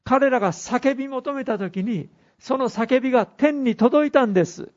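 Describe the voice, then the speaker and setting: A man preaching a sermon as pastor, speaking earnestly with pauses and reading scripture aloud. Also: very high-pitched. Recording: dull lo-fi recording.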